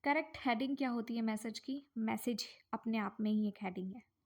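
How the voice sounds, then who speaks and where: A woman teacher explaining exam writing formats in a lesson, asking questions and answering them herself, slowing down on key phrases. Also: fairly high pitch, darkish tone. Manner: slows down reading English phrases. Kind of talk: explaining lesson in mixed Hindi and English.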